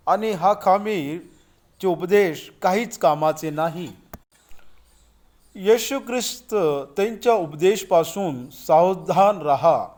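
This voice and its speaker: A man with a high voice delivers a Bible commentary sermon at an unhurried pace. He explains each verse deliberately, sometimes restarting a word, and speaks to his listeners as brothers and sisters. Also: darkish tone.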